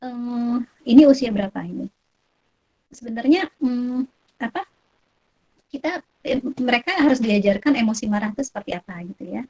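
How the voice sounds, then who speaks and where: A woman from Indonesia answering parents' questions in a webinar, relaxed and chatty, with many fillers and soft laughs. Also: fairly high pitch, moderate pace, pauses often. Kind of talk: live webinar Q&A on child development. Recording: dull lo-fi online call audio.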